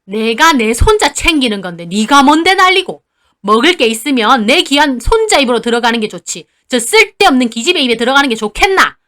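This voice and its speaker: A woman's voice: on the high side, sing-song, measured pace, fairly bright tone. A woman voicing a harsh old grandmother who favors her grandson, speaking bluntly in a Gyeongsang dialect. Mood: scolding. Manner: scolding, blunt.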